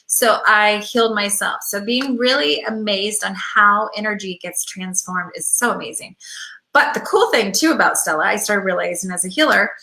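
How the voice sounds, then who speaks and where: Bright-voiced woman telling rambling stories. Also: mid-range voice, normal speed, gravelly. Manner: rambling storytelling with quoted asides. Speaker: pet healer and show host. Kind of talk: casual chat to viewers. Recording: echoey room.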